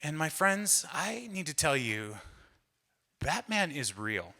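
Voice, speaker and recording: Bright-voiced man telling stand-up stories. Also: a little high, very animated, slow pace, gravelly, a little hiss or hum. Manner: rambling, self-deprecating, with many fillers and restarts. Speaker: comedian. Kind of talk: stand-up storytelling. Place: event hall stage. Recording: long hall reverb from a live venue.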